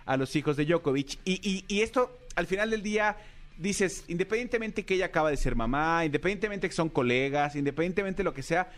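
A Mexican man co-hosting a radio talk show, his voice sitting a little high as he tells stories with lively energy. He acts out the quotes in his anecdotes and keeps the chat casual. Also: brisk. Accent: Mexican Spanish. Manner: animated storyteller, acts out quotes.

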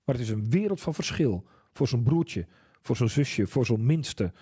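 Earnest man preaching, husky mellow voice. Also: medium pitch, expressive, moderate pace. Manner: earnest, questioning, repeats key phrases. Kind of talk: sermon. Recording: church service broadcast on radio.

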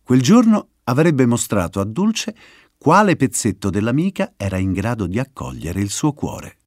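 A man reading a children's story aloud as its narrator, in an expressive storytelling way. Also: medium pitch, moderate pace, no room sound, clean studio sound.

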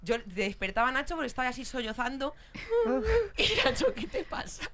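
Woman, Spain Spanish accent, slightly high voice, lively storytelling, lots of swearing. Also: fast, crowd noise. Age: adult with a young child. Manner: animated storytelling, full of swearing and laughter. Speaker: podcast co-host telling a story. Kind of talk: casual chat.

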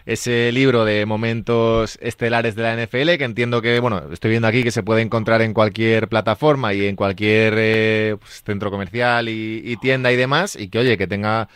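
Male radio host, resonant voice, dry studio mic, friendly and brisk sign-off style. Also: lowish voice, little pitch movement, a bit bright, smooth, no echo. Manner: friendly, brief interjections, wraps up the show. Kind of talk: sports radio talk.

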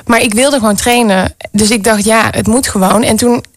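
A woman guest candidly telling a personal story in casual conversation, often pausing on fillers. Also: a little high, steady tone, no room sound. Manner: candid, frequent fillers and restarts.

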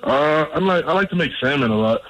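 A young man speaking over the phone as a guest in an interview, giving relaxed, brief answers and often repeating words. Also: on the high side, a little fast. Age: young adult. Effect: heard over a phone line. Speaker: football draft prospect guest. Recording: noisy phone line from afar.

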